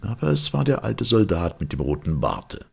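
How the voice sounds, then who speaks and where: Here the same kind of gravelly, very husky male narrator reads a fairy tale expressively, his pitch fairly low and his pace normal.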